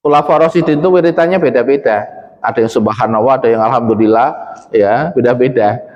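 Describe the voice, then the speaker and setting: East Javanese preacher in a reverberant mosque. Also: male voice, mid-range voice, fast talker, darkish tone, muffled recording. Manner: conversational, addresses the congregation as "Pak", mixes in Javanese. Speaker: Islamic preacher. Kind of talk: mosque sermon. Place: mosque hall. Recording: long hall reverb.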